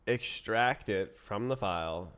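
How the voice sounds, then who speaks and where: A man with a fairly low, slow, slightly bright voice that sounds clear and resonant, though he seems sick. He's a programmer streaming his coding, thinking aloud and muttering half-finished thoughts to himself as he writes code.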